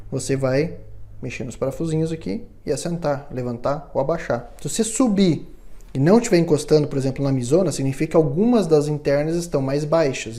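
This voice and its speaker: A man's voice: fairly high pitch, dark tone. A man teaching a step-by-step guitar setup tutorial, explaining patiently and checking in with the viewer often. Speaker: guitar luthier instructor.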